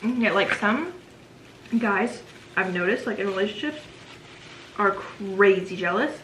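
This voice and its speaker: A woman's voice: mid-range voice, lively intonation, a little slow, fairly bright tone. A young woman in her twenties hosting a casual Q&A chat while eating, talking chattily with lots of "like". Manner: chatty, says "like" a lot. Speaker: vlogger and host. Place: home room. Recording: echoey home room with noise.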